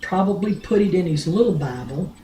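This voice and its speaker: An older grandmother telling a family story in a rambling, blunt way, with many pauses and restarts. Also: lowish voice, animated, dark tone, a little hiss or hum. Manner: blunt, earthy, with mild swearing. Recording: roomy home recording.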